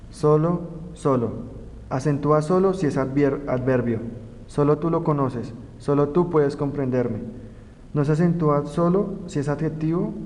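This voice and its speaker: A young Colombian man, presenting as a student, reads a grammar tutorial, going through spelling rules and example words one by one in a slow, deliberate classroom style. His medium-pitched, slightly mellow voice carries lingering reverb over a faint noise.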